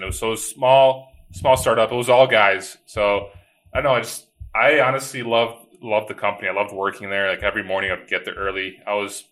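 On a rough recording, a man speaks in a fairly low voice with a pushed, bright quality. He's a Chicago-born company founder recounting his story casually on a remote call from home, repeating words and leaning on "like" a lot.

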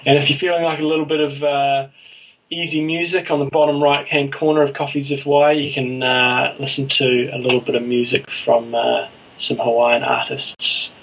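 Male co-host, Kiwi accent, gravelly creak, casual sports chat, a little off the mic. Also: mid-range voice, little pitch movement, moderate pace, fairly bright tone, recorded from a distance, rough recording. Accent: New Zealand. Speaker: podcast co-host.

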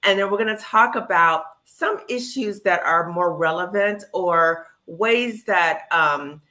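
A woman in her fifties with a bright, forward voice hosts a casual podcast conversation. She talks in a chatty, animated way, full of ums and quick asides. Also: lowish voice. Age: 50s. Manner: chatty, animated, with many fillers. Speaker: clinical psychologist, podcast host.

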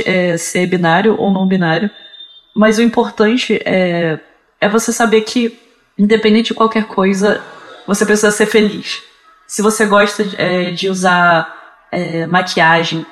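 Male podcast guest, cracking reedy voice, mid-pitched between male and female, halting and reflective. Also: a bit bright, poor audio. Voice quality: cracking, reedy voice from early gender transition. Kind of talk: casual, reflective advice and personal account.

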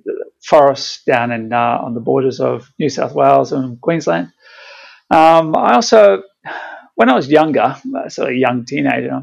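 An Australian man from Brisbane, a guest answering interview questions over a lagging satellite audio link, measured and explanatory with frequent ums. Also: mid-range voice, creaky. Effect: remote guest heard over a lagging satellite audio link. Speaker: podcast guest, property fund manager. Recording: dull lo-fi satellite audio line.

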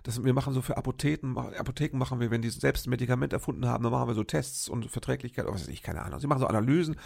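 An older man hosts a podcast and tells a meandering story in a chatty, conversational way, often checking in with his listeners. His voice is strongly gravelly and husky, and he keeps it sounding like a friendly chat. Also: medium pitch, racing, a little mellow. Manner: chatty, rambling, addresses listeners directly with "ne?". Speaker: podcast host. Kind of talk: casual storytelling monologue.

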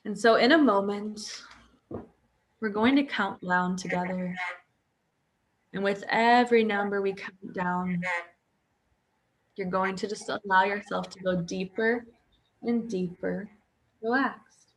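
Slow, soothing woman hypnotist. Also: mid-range voice, a little hiss or hum, low-quality recording. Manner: soft, soothing and repetitive. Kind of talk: guided hypnosis session.

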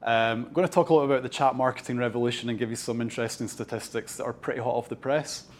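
A man from Scotland presenting a business talk to a room audience, chatty and relaxed, with many ums and restarts. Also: medium pitch, rapid-fire. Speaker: company co-founder giving a talk. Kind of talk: conference presentation.

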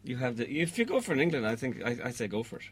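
Male quiz contestant, rapid casual speech, average pitch. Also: very animated, a little hiss or hum.

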